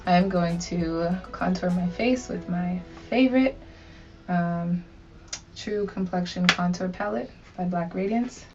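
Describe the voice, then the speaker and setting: A woman's voice: lowish voice, a little slow, dull audio. A young woman vlogger talking casually and chummily to her viewers with slang as she does a makeup tutorial. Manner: informal, chummy, addresses viewers directly with slang. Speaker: beauty vlogger. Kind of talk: casual chatty get-ready-with-me makeup tutorial. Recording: distant mic, music in background. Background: background music.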